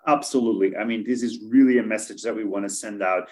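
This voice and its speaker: A man's voice: lowish voice, steady tone, fast talker. A man from Belgium, answering interview questions earnestly as an expert guest, often restarting and repeating words. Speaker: podcast guest, food policy expert.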